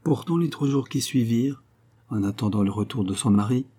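A man narrating a literary novel as an audiobook in a measured, even reading. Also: mid-range voice, breathy edge.

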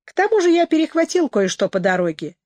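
A woman's voice: sits high, sing-song, fast, dark tone, no echo, pitched above the performer's own voice. A woman reading an audiobook, voicing a wry young man who works as a factory clerk, with a dry, ironic delivery.

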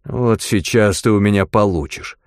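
A man voicing an arrogant male linguist who speaks slowly, quietly and with threat. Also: lowish voice, dry recording, studio quality, close to an everyday voice. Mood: menacing.

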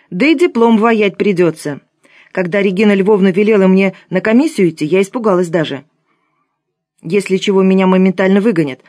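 A woman's voice: mid-range voice, a little mellow, no room sound, studio quality, lightly acted. A woman reading an audiobook, voicing a wary young female student with a raised, complaining tone. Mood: chatty.

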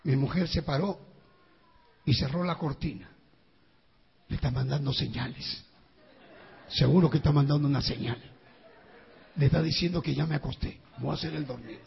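A man acting out a jealous, suspicious husband who mutters in a low, husky, gravelly voice. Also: normal speed, long pauses, full character voice. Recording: echoey hall, dull lo-fi sound.

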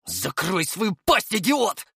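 A man's voice: medium pitch, animated, normal speed, a bit bright, dry recording, studio quality, natural voice. A man reading an audiobook and voicing a gloomy, irritable young male comrade who sighs and grumbles. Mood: sour. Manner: sighing, sour, irritable.

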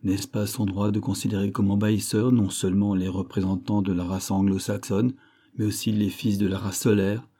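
A pompous middle-aged animal dealer holds forth in grand, declamatory sentences, savoring rare words, as a man reading a storybook puts him on. The voice is very dark and mellow, lifted a little higher than plain narration, with a lively rise and fall. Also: normal speed, lightly acted. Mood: grandiloquent. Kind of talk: audiobook character reading.

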